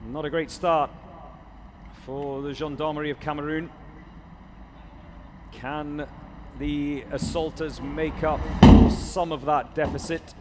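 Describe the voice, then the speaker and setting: A man's voice: on the high side, little pitch movement, slow pace, long pauses. A man commentating live at an outdoor competition, chatty and self-correcting, and talking straight to the viewers watching online. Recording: crowd noise behind.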